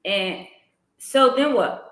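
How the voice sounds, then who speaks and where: Woman podcast host, lively conversational storytelling, frequent restarts, roomy echo around her. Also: fairly high pitch, slow pace. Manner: animated, tells personal stories with frequent restarts. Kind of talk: casual conversational interview.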